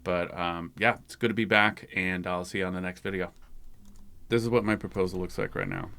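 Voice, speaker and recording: A man's voice: low-pitched, lively intonation, fairly quick, gravelly, bright, forceful tone. A man hosting his own channel, giving a loose, rambling, conversational screen-share tutorial. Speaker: tech channel host.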